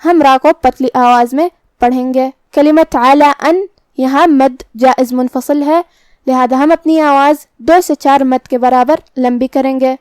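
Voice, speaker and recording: A woman teaching Quran recitation rules, explaining pronunciation slowly and carefully. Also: sits high, fairly even intonation, darkish tone, clean tone, no room sound. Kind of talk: tajweed lesson, explaining then reciting.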